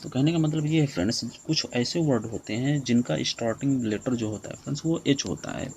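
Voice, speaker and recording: A young man teaching an English grammar lesson in Hindi, who calls his viewers "friends" again and again and reads the English rules out slowly. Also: medium pitch, darkish tone, a little hiss or hum, poor audio. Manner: repeats "friends" often, explains slowly.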